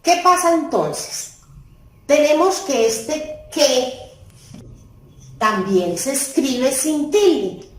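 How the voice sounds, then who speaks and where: A woman teacher giving a recorded class lesson, slow and deliberate, stressing key words. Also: sits high. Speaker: primary school teacher. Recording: echoey room.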